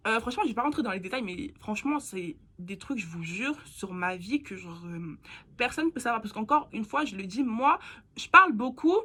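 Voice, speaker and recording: A young woman telling a personal story in a casual, slangy, animated way, dropping to a hushed voice for asides. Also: brisk, husky. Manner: chatty, animated, slangy, with bursts of squeaky laughter and hushed asides. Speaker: vlogger.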